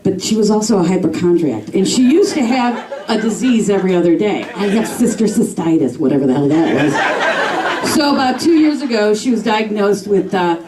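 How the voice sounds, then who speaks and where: A woman's voice: medium pitch, animated, a little fast. Self-mocking woman comedian in her fifties. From Chicago. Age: 50s. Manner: candid, self-mocking, swears freely. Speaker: stand-up comedian. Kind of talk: stand-up comedy set. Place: comedy club stage, audience laughing. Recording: distant echoey club recording with crowd noise.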